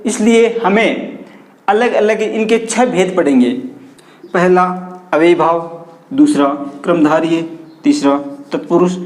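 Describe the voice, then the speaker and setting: A male teacher giving an online grammar lesson, repeating key terms as questions to the class and dropping his pitch on each stressed term. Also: a little mellow, reverberant. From India.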